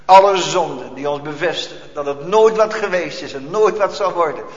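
A man preaching a sermon with fervor, swinging between loud outbursts and hushed passages. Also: fairly high pitch, normal speed. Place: church. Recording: echoey church hall, dull lo-fi.

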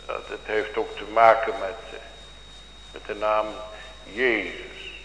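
A man's voice: fairly low pitch, steady tone, slow, a bit bright. A male pastor preaching a sermon to his congregation with fervent, old-fashioned biblical phrasing. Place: church. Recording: echoey church hall with faint hum.

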